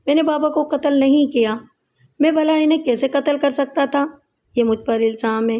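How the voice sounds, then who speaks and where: A woman's voice: sits high, steady tone, warm tone, lightly acted. A woman voicing a bewildered young man who pleads tearfully and desperately that he is innocent. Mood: pleading.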